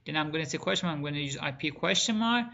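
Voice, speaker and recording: A man's voice: on the high side, animated, racing, gravelly, sharp tone, highs cut off. A man teaching a screen-recorded networking lesson, asking the class questions and answering them himself, with small grammar slips. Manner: plain spoken with non-native grammar slips. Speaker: networking instructor.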